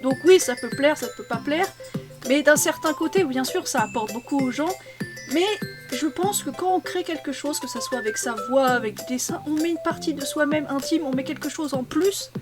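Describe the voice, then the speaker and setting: A woman's voice: sits high, moderate pace, music in the background. A tired woman voice actor chatting casually over her gameplay, rambling and self-mocking, with stammered restarts. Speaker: voice actor and content creator.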